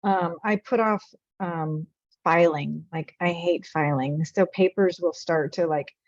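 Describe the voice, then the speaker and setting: A woman's voice: fairly low pitch, a little slow, no echo. A woman joining a course discussion in a casual, chatty way, often saying like. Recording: dry, muffled audio.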